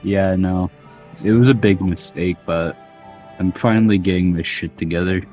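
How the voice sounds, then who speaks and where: A man's voice: low voice, fairly even intonation, moderate pace, a little mellow, faint music behind. A young man hosting a podcast in casual chat, talking crudely and rambling with lots of fillers. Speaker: podcast host.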